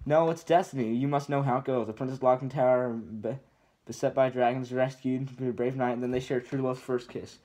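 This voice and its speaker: A man's voice: mid-range voice, fairly even intonation, fairly quick, dark tone, lightly acted. A man voicing a prim young princess with dramatic, old-fashioned phrasing, reading a film script aloud. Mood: earnest. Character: prim fairy-tale princess, young woman.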